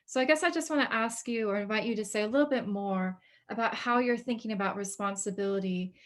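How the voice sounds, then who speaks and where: A young woman moderates an academic talk, thinking aloud in a hesitant way with frequent ums and restarts. Her voice sits at an everyday middle pitch. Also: fast, fairly bright tone. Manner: thoughtful, hesitant, with frequent fillers. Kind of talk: academic discussion.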